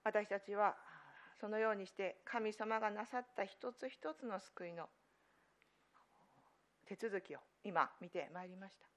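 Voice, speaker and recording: A woman pastor preaching a sermon earnestly, stressing key phrases loudly and letting her phrase endings fall soft and quiet. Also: medium pitch, unhurried, pauses often. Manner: earnest, emphatic preaching with sudden loud stresses.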